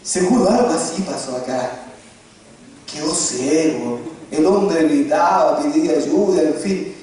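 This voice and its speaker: A man's voice: a little high, unhurried. A man preaching a sermon, telling stories with jokes and questioning his listeners. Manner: animated, joking, asks the audience questions. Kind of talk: sermon storytelling. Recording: very echoey hall, distant mic.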